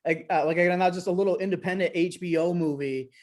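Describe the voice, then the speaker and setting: A man's voice: sits high, steady tone, fast. A man co-hosting an interview, asking questions in a curious and friendly way. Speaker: co-host. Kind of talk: casual interview.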